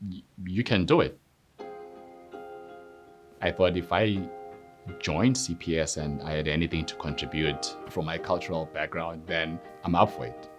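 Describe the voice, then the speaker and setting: A middle-aged man from Zimbabwe, a police constable, telling his story in a measured, reflective way with frequent fillers. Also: low-pitched. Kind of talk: personal testimony interview. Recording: soft music underneath.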